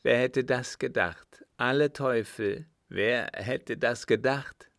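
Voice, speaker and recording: A man's voice: medium pitch, slow, creaky, a bit bright, dry recording, studio quality. A man voicing an eager, questioning companion. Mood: curious. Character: curious, astonished male companion.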